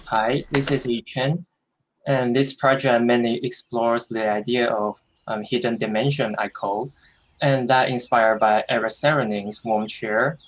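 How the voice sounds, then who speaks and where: A male architecture student presenting his design project over a video call, in a slightly halting prepared delivery. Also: mid-range voice, fairly even intonation, poor audio.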